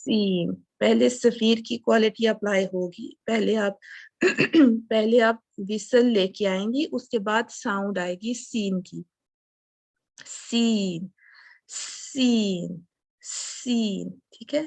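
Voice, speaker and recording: A woman teaching a recitation lesson, patient and methodical, pausing to demonstrate each sound. Her voice sits at an ordinary middle pitch. It is recorded close and dry, with no room sound. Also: fairly even intonation, vocal fry, a little mellow, no echo. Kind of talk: tajweed lesson.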